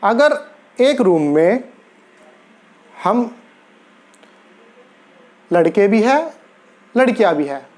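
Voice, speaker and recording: A man teaching a grammar lesson step by step, deliberately repeating key words for his learners. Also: sits high, sing-song, a little mellow. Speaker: Spanish teacher.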